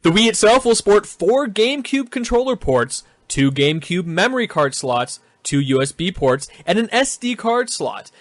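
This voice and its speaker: A man's voice: sits high, sing-song, normal speed, few pauses, no echo. A man hosting a casual video game podcast, reading news items aloud between jokes with his co-hosts. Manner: reads news items, breaks into laughter.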